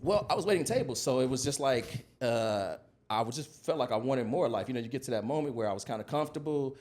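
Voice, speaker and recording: A podcast guest who works in digital marketing consulting, an American in his early forties, tells stories expressively and fast in a casual, conversational way. His voice is medium-pitched with a darkish tone.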